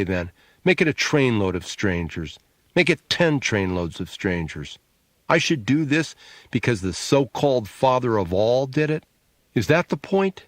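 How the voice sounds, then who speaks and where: In an audiobook, a man performs a sarcastic adult sister with a sharp tongue, needling and full of scorn. His pitch sits in the middle, and there's no room sound.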